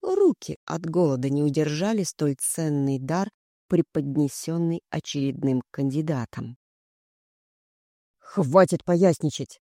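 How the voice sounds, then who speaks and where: An audiobook reader tells a first-person story in measured, scripted narration. The tone is dark and mellow, and the recording is close and dry with no room sound. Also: medium pitch, very animated, no echo.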